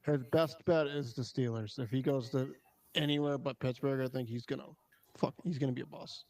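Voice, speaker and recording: A man's voice: mid-range voice, fairly even intonation, fairly quick, darkish tone, dry recording, poor audio. A man hosting a casual live-stream chat about football, laid-back and swearing freely. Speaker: stream host.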